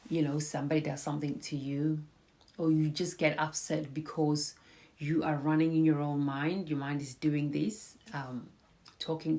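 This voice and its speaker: Hosting a casual live stream, a woman chats with viewers and encourages them, her low, slightly bright voice touched by a cold she has.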